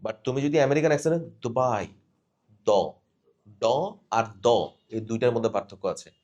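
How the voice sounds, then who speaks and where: A man's voice: mid-range voice, very fast, a little mellow. Man coaching cabin crew candidates. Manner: instructive, corrects students directly, demonstrates readings. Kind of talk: live coaching class.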